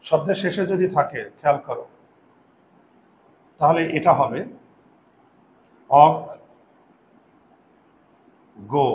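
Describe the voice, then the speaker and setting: A man's voice: a little high, highs cut off. A man teaches a grammar lesson. He stretches out example words and keeps asking his students whether they follow. The room is echoey, with a faint hiss behind him. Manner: repeats rules, quizzes students with "বোঝা গেল?"; patient, drawn-out pronunciation of example words. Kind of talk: classroom lesson.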